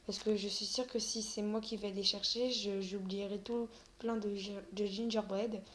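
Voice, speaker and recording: A woman talks her viewers through a game in a loose, casual way, pausing on fillers and often stammering on her words. Her voice sits at an ordinary middle pitch. A faint noise runs under the recording. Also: fairly even intonation. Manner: hesitant, many fillers. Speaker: gaming video creator. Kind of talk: casual gameplay commentary.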